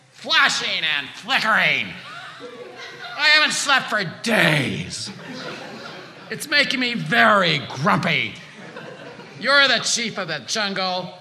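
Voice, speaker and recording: A man's voice: high-pitched, pushed and bright, in a large hall, exaggerated voice. A man voicing a grumpy, sleepless little male gecko who whines and pleads. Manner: whiny, pleading.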